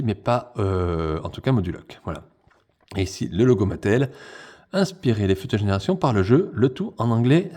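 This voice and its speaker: A man with a low, warm and mellow voice reviews a toy in a relaxed unboxing chat. He talks to his viewers directly, as if to friends, and keeps the tone easygoing. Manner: chatty, speaks straight to viewers as friends.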